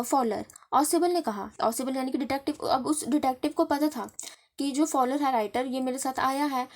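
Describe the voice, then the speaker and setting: A woman teaching a story line by line, reading the English slowly and explaining it in Hindi, often asking and answering her own questions. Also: sits high, a little mellow. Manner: reads English text slowly, then explains in Hindi with many fillers.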